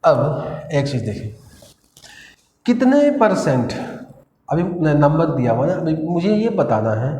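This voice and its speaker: Very animated but measured, this maths teacher speaks in a high-ish, mellow voice with long pauses, walking through every step at the board and asking "है ना" along the way. English phrases slip into his lecture, and the echoey classroom carries faint ambience plus slight hiss or hum.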